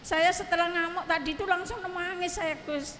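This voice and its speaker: Speak as a middle-aged woman in a study hall, fairly high-voiced, earnest, and deferential as you recount what happened. Keep turning to your teacher with polite address, and let the long hall reverb and faint room murmur sit behind you. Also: steady tone, moderate pace, bright, forceful tone, slight background noise. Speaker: congregant asking a question. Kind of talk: telling a personal story to a teacher. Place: study hall at an Islamic boarding school.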